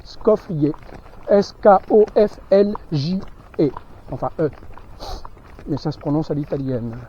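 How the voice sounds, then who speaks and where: A man's voice: a little high, expressive, unhurried, dark tone. A man giving casual running commentary outdoors in the countryside, chatting to his animals as he walks. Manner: chatty, talks to his animals while walking. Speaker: vlogger traveling with animals. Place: outdoors in a rural village and countryside. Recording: dull lo-fi outdoor audio with faint noise.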